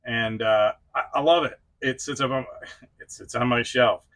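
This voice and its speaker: Hosting a toy review channel, a middle-aged man chats casually and pokes fun at himself while addressing the viewer directly. His voice is medium-pitched and a bit bright, with fairly even intonation and a moderate pace.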